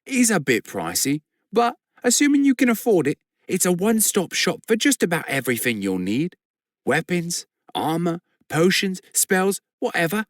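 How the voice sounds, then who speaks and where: A man's voice: high voice, big pitch swings, moderate pace, no echo, clean studio sound, voice pushed up. A man doing a wry streetwise thief. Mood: brisk. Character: wry streetwise male thief guide, worried.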